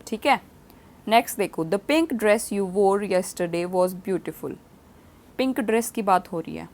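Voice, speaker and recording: A woman teaching a grammar lesson, explaining step by step and asking her students many quiz questions. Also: medium pitch. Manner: reads example sentences slowly and clearly. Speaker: English teacher.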